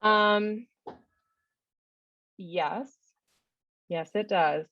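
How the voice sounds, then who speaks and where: A woman's voice: medium pitch, extremely slow, no room sound, dull audio. A woman psychologist answering questions in a webinar, thoughtful, with many "you know" fillers. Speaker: psychologist guest speaker.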